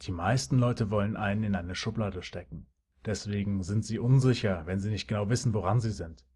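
A man voicing a confident, relaxed teenage boy in an amateur audio drama, speaking in a calm, laid-back way. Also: lowish voice, fairly quick, husky.

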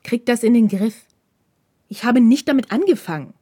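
A woman's voice: a little high, lively intonation, moderate pace, warm tone, slightly rough, no echo, clean studio sound, pitched above the performer's own voice. A woman voicing a cold, stern male dorm head who talks in clipped, icy orders.

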